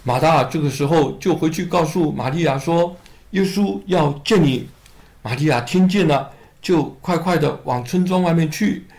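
A man with a fairly high voice tells a Bible story to children. His narration is animated and expressive. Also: moderate pace, creaky.

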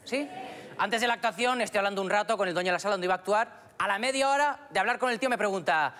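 A man's voice: sits high, fast, bright, forceful tone. A man from Albacete with a Spanish accent doing stand-up comedy on a club stage, chatty and often asking the audience questions. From Spain. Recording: live club recording with crowd noise.

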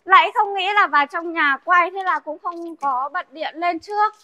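A young woman sells used cars in a casual showroom walkthrough, guiding viewers through a car and the showroom while chatting and repeating her points. She calls them "các bác" in a very high, bright, forceful voice at a moderate pace, and the recording is dry.

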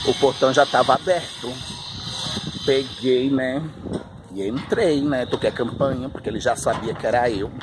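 A flamboyant, chatty male vlogger tells a story while walking along a street, recorded on a handheld phone with street noise behind. His voice is mid-range and his pace moderate.

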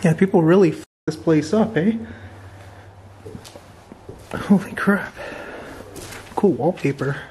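A man hosting an exploring vlog, walking through an abandoned farmhouse and reacting with excited, wondering remarks into his camera mic. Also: fairly high pitch, takes it slowly, long pauses, slight background noise. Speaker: urban explorer host. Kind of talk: walkthrough vlog narration. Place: abandoned stone farmhouse, indoors.

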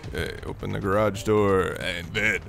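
A man's voice: low voice, steady tone, normal speed, vocal fry, fairly bright tone. A man at a desk mic, chatting casually and laughing often as he plays a strategy game. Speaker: gaming channel host. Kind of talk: casual let's-play commentary. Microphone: desk mic on a stand. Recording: game music behind.

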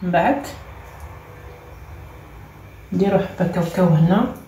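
A woman's voice: fairly low pitch, unhurried, warm tone, lo-fi sound. A woman with an Algerian Arabic accent hosting a home cooking tutorial. She talks step by step as she works and keeps repeating short cues. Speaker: cooking channel host. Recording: echoey room with faint ambient noise.

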